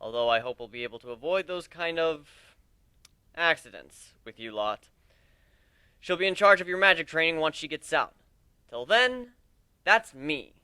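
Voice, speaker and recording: A man voicing a brash, cocky griffin captain in a story reading, loudly addressing his crew with a commanding manner. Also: fairly high pitch, lively intonation, normal speed, long pauses, smooth, no room sound, clean studio sound. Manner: loud, commanding, speechifying.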